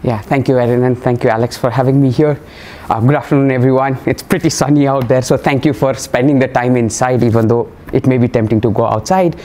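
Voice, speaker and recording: A man's voice: mid-range voice, little pitch movement, mellow, a little hiss or hum. Man giving a lecture. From Nepal. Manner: measured, explanatory, frequent "uh" fillers. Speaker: professor giving a colloquium talk. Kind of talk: academic lecture. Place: classroom lecture room.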